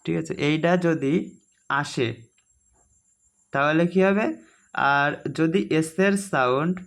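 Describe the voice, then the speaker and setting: A man's voice: on the high side, a bit bright. A man teaching a casual online grammar lesson, chatty and repetitive, checking often that students follow. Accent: Bengali. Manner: chatty, keeps asking "ঠিক আছে?"; explains slowly, repeating each rule.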